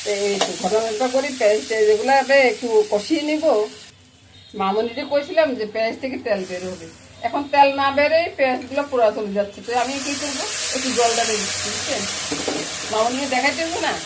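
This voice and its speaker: A woman's voice: fairly high pitch, fast. A middle-aged woman from Bangladesh with a Noakhali Bengali accent, chatting casually as a cooking vlogger and often checking that viewers follow her. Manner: chatty, keeps asking viewers "you get it?". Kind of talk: casual cooking vlog chat. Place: home kitchen. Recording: loud kitchen frying noise. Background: frying and sizzling.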